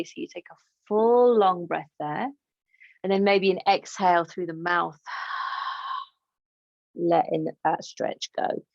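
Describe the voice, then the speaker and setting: Gravelly-voiced woman guiding a yoga class. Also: mid-range voice, dry recording, muffled recording. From England. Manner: gentle, encouraging, chatty asides. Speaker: yoga teacher. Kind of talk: guided yoga class instruction.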